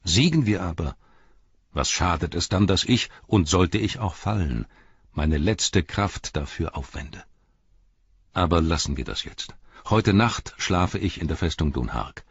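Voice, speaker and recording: Male reader doing an aged warrior king for a storybook, very low and husky, grave and weary. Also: animated, measured pace, no room sound, highs cut off, full character voice.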